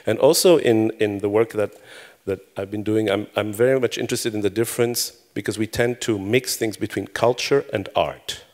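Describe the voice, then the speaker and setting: This conference speaker, a middle-aged native Hebrew speaker, has a fairly low, darkish voice with fairly even intonation. He moves at a moderate pace with hardly any pauses, though his chatty, self-deprecating talk before the audience is full of fillers and restarts.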